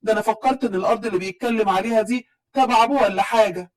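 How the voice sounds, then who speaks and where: A woman acting out a proud young woman from Upper Egypt in a spoken story. She answers back sharply and defiantly, with an Upper Egyptian accent, in a quick delivery. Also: a little high, darkish tone, natural voice, low-quality recording.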